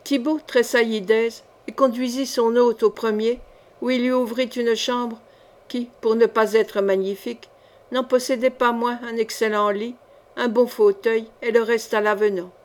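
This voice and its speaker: A woman reading a classic novel aloud as an audiobook, in a measured storytelling manner. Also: on the high side, fairly even intonation. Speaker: audiobook reader.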